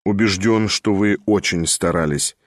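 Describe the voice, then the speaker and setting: A man voicing a cold, calm and aloof young nobleman who answers curtly. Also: sits low, measured pace, no room sound, studio quality, pitched below the performer's own voice. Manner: cold, restrained, curt.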